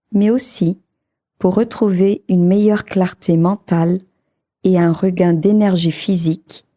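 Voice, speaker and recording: A woman with a mid-range voice leads a guided meditation meant for sleep. Her delivery is calm, soothing and measured, and her soft tone occasionally grows breathy.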